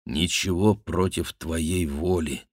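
Man as fervent young nobleman, low hushed voice, deep-ish, dry close mic, storybook lover. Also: fairly even intonation, slow, breathy edge, no echo, full character voice. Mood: ardent.

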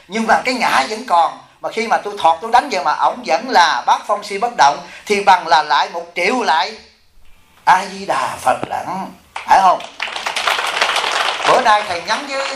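Animated high-voiced monk in echoey hall. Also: male voice, slight background noise. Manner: animated storytelling, acting out quoted voices, asking the audience. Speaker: Buddhist monk and abbot. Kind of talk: dharma talk.

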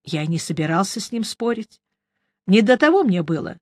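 An audiobook reader giving first-person scripted narration, in a lively, wry storytelling manner. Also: mid-range voice, normal speed, dry recording.

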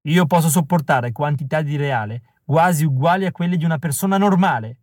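A man's voice: a little high, brisk, no echo, natural voice. A treacherous male villain from an audiobook, sly and mocking, voiced by a man raising his voice above his usual tone. His delivery is theatrical and sneering, and the recording is dry and close.

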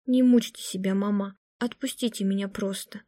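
A woman reading an audiobook aloud, voicing a stubborn young woman who speaks in a flat, reluctant monotone. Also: medium pitch, moderate pace, no room sound, studio quality, close to an everyday voice. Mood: flat indifferent.

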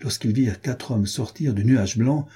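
A man reading a historical adventure novel aloud in a steady, measured narration. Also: medium pitch, breathy edge. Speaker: audiobook reader. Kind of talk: scripted narration.

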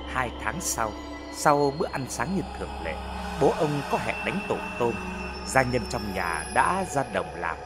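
A man narrating an audio story in a measured, expressive storytelling manner. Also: mid-range voice. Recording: narration over background music.

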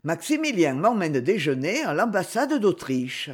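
A haughty young duke, elegant and quick-spoken, as a woman reads him in a storybook, pitched lower than her narration. The tone is slightly husky. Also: very animated, exaggerated voice. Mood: brisk. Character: proud young male duke, elegant and brisk.

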